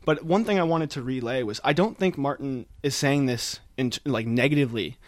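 A man hosts a casual podcast about films, talking freely and conversationally from indoors in a chilly attic. His mid-range voice moves briskly, with no echo.

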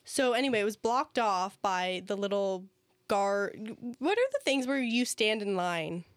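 A woman's voice: medium pitch, sing-song, unhurried, clear, resonant tone, dry recording. A young woman telling work stories in casual chat on a podcast, full of "like" and restarts. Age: young adult. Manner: chatty storyteller, lots of "like" and restarts. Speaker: podcast co-host.

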